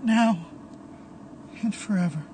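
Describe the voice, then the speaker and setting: A storyteller voicing a frightened male priest praying in a high, loud, pleading voice. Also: slow pace, distant mic, background noise, close to an everyday voice. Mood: fearful.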